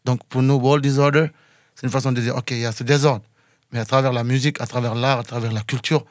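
A man's voice: medium pitch, fairly even intonation, quick pace, dry recording, clean studio sound. A man from Senegal, a musician guest, talking earnestly in an interview and slipping into English now and then. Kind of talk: casual interview talk.

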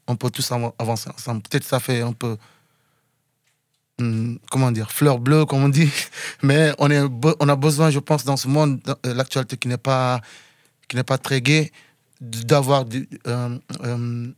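Man from Senegal, earnest, mid pitch, dry sound. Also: level tone, normal speed, dry recording. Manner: earnest, slips into English. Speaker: musician guest. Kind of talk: casual interview talk.

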